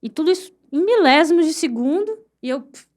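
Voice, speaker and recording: Young Brazilian woman, fairly high voice, heartfelt testimony, halting and repeating herself. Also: expressive, darkish tone. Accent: Brazilian Portuguese. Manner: earnest, halting storytelling with pauses and repetitions; vivid, heartfelt retelling of painful memories. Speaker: guest sharing her testimony. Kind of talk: emotional personal testimony.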